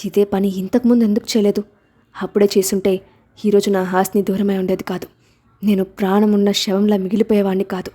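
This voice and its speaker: A woman's voice: mid-range voice, little pitch movement, a little fast, mellow, close to an everyday voice. A woman voicing a cold, vengeful young man in a storybook reading, speaking sternly. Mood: bitter. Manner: stern, accusing.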